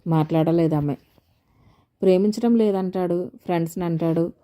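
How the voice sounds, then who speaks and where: Warm-toned woman narrating a novel. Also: fairly low pitch, moderate pace. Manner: steady storytelling, lightly voicing dialogue. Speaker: audiobook narrator. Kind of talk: reading a novel aloud, voicing characters.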